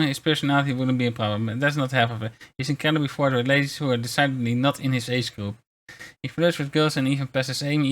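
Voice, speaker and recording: A man's voice: mid-range voice, a bit bright. A man streaming casual commentary as a VTuber, rambling and stumbling over his words as he reads aloud. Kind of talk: casual livestream commentary, reading articles aloud.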